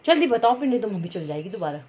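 A woman's voice: mid-range voice, sing-song, very fast, a little mellow. A young woman, a mother, playfully coaxing and teasing her toddler at home in baby talk, laughing often. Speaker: mother and family vlogger.

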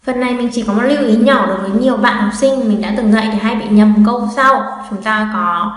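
Chatty female teacher in an echoey room. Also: on the high side. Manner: chatty, asks the viewers questions and answers them herself. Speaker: Japanese teacher. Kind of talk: online grammar lesson. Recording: strong echo, long room reverb.

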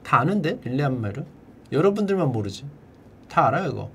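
A man streaming and chatting casually, drilling words by repetition in a playful way and breaking into shouted cheers. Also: very animated, fairly quick, gravelly, a little hiss or hum. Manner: playful, drills words by repeating them in a high echo. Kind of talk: casual livestream chat.

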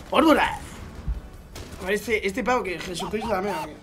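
Brief: young man, Spain accent, gaming reaction host, mutters then explodes into shouts. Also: high-pitched, animated, measured pace, over music. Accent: Spain Spanish. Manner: swings from mumbled asides to shouting outbursts, profane. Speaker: gaming YouTuber reacting to gameplay. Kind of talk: excited game commentary.

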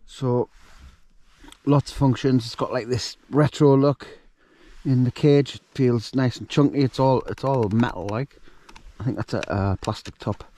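A man's voice: mid-range voice, steady tone, measured pace, warm tone, no room sound. A man chatting casually and joking as he cooks and shows gear at a wild camp outdoors at night. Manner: chatty, joking, rambling asides. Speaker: outdoor vlogger. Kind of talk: casual outdoor cooking vlog.

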